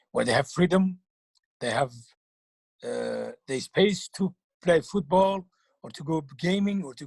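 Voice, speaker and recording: Man, husky, fairly high, dry close sound, halting speech with repeated words. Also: a little mellow, dry recording. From Algeria. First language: French. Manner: earnest, halting, repeats words while searching for them. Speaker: clown and children's TV performer. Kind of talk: interview answers.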